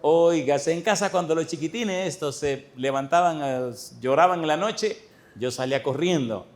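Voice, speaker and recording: A middle-aged man, a pastor telling stories in a sermon to a church congregation, swinging between loud exclamations and hushed, tender asides. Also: on the high side, moderate pace. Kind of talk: storytelling sermon.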